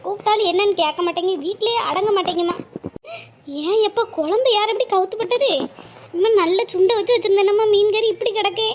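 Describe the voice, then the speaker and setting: A woman doing a high-pitched nagging mother-in-law. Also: fast, a little mellow, a little hiss or hum. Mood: grumbling. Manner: nagging, grumbling to herself. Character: scolding village mother-in-law, grumbling and sharp-tongued.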